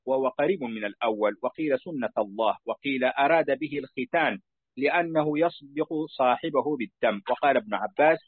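A man reading a classical commentary aloud to his teacher, at a steady pace, going back over phrases to correct his slips. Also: mid-range voice, husky, no room sound. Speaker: student reading a book aloud to a sheikh. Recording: tinny phone-like dry recording.

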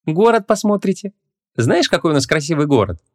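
A man voicing a feisty young woman who speaks in a sharp, impatient, tart way. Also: a little high, sing-song, brisk, no room sound, studio quality, pitched above the performer's own voice.

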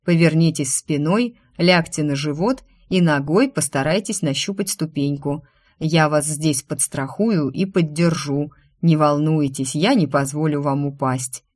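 A woman's voice: deep voice, a little slow, darkish tone. A woman voicing a courteous, protective male werewolf guard who speaks politely and steadily in a storybook reading. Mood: reassuring.

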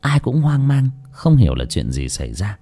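A man narrating an audio storybook in an expressive, dramatic storytelling manner. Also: medium pitch, normal speed, faint music behind.

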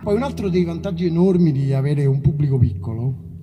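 Music plays behind a musician performing live at an outdoor festival, who chats casually between songs in a fairly high, fairly quick voice. His talk rambles and is self-deprecating, full of colloquial phrasing and swearing.

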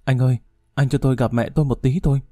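A gentle, resigned young defendant, voiced by a male storyteller. He talks softly and calmly even under pressure. The voice is warm, dark and dry. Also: mid-range voice, quick pace, dry recording, natural voice.

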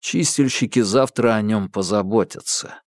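A man reading aloud and voicing a cool-headed young leader who speaks calmly and steadily. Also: normal speed, dry recording, clean studio sound, close to an everyday voice. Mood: calm, firm. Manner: calm, low and steady.

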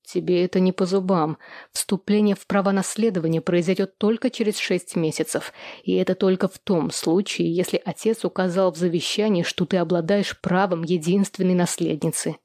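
A woman reading an audiobook, voicing a calm, firm young man. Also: on the low side, moderate pace, no echo, studio quality.

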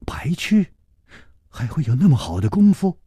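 A man's voice: on the high side, very animated, moderate pace, dark tone, breathy edge, no room sound, studio quality, full character voice. A man doing a stammering, flustered young swordsman. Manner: stammering, hesitant fillers.

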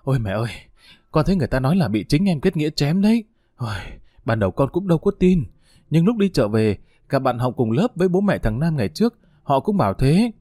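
A breathless, agitated village woman bursting with exclamations, as a male narrator puts her on. Her pitch jumps up and down, over a warm, dry recording. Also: sing-song, fast talker, dry recording. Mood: alarmed.

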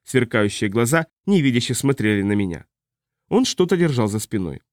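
A man narrating a science fiction audiobook in the first person, at a measured, calm pace. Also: medium pitch, no room sound, studio quality.

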